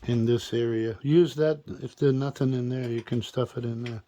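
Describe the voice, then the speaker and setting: A man's voice: mid-range voice, fairly even intonation, normal speed, dark tone. A man helping in a home kitchen, giving hesitant advice with fillers. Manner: hesitant, advising. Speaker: kitchen helper. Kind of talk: casual cooking chat.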